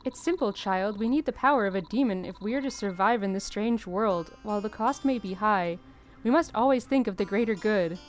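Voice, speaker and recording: A woman voicing a calm, solemn cult leader in a measured, formal manner from game dialogue. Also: medium pitch, natural voice. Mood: calm, grave. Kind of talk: reading game dialogue in character. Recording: music behind the voice.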